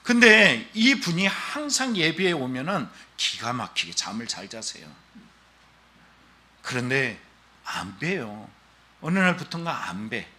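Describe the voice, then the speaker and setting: A man's voice: mid-range voice, unhurried. A male pastor preaching a Sunday sermon, telling stories and acting out the voices of the people in them. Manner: animated storytelling preaching, acting out quoted voices.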